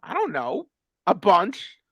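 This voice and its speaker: A man's voice: high voice, wildly swooping pitch, slow pace, dry recording. A man co-hosting a casual chat about a TV premiere, talking with many fillers and restarts. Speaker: watch party co-host. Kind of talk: casual pop-culture chat.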